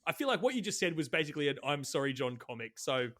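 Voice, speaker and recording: A man's voice: on the high side, sing-song, fast, crowd noise. A man co-hosting a comedy podcast who tells crude, joking stories. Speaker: podcast co-host. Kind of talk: casual comedic chat.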